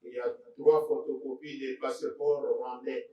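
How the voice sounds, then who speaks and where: A man, reading out court exhibits as a lawyer, slow and deliberate with pointed remarks. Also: mid-range voice, little pitch movement, dull audio. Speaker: court lawyer presenting evidence. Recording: echoey courtroom from far off.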